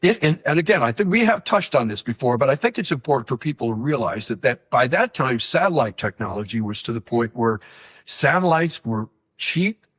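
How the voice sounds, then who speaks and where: A man's voice: medium pitch, a bit bright, breathy edge, no room sound. A middle-aged man, a podcast co-host and former TV reporter, reminiscing in a rambling way with restarts. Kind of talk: casual chat.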